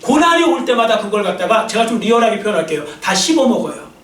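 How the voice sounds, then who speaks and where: High-voiced preaching man in an echoey church. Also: big pitch swings, quick pace, fairly bright tone, recorded from a distance. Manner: emphatic preaching, addresses congregation directly, jokes with them. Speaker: pastor. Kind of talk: sermon.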